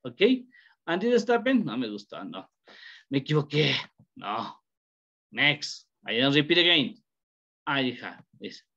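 A man's voice: medium pitch, big pitch swings, slow pace, pauses often, pushed and bright. A man teaching an English class online, switching between Spanish and English and encouraging his students. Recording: dull lo-fi audio.

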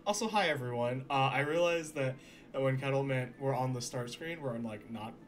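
A streamer chatting casually over a game, excitable, self-mocking and quick to swear. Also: medium pitch.

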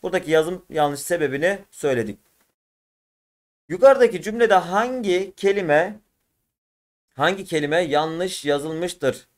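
A man with a somewhat high voice walks his students through exam questions one by one. He drags words out syllable by syllable, stopping to explain each answer. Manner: slow, drawn-out syllable by syllable explanation; addresses students as friends. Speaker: teacher. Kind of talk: exam walkthrough lesson.

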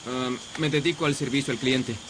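A man's voice: medium pitch, steady tone, brisk, noisy background. A man speaking candidly as a participant in a dubbed survival reality show, a little self-deprecating.

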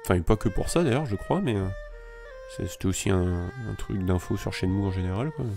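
A man hosting a calm let's play, reading in-game messages aloud and musing on them in a chatty way. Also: low voice, fairly quick, vocal fry, over music. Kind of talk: calm gameplay commentary.

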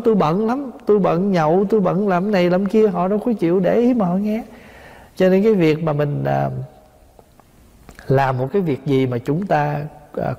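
Vietnamese monk preaching in a reverberant hall. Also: male voice, high-pitched, creaky, dark tone. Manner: explanatory, asks listeners rhetorical questions. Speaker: Buddhist monk teacher. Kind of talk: dharma talk.

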